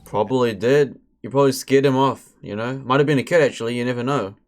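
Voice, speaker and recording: A man with a mid-pitched voice streams live and chats casually over a story. He sounds laid-back and uses plenty of slang. Clicks can be heard now and then. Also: fast talker, faint music behind. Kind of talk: casual chat.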